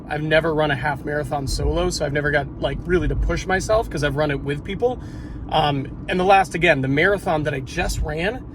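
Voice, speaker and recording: A man chatting to camera in a casual, conversational vlog style, relaxed and not exerting himself. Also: on the high side, noisy background. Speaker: running vlogger.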